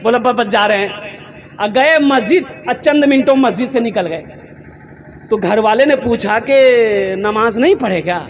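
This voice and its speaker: A man from India preaching a sermon. He asks rhetorical questions and answers them himself, repeats emphatic phrases, and swings between raised, impassioned delivery and quiet storytelling. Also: extremely high pitch, expressive, normal speed. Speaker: Islamic preacher. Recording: live gathering with audible crowd.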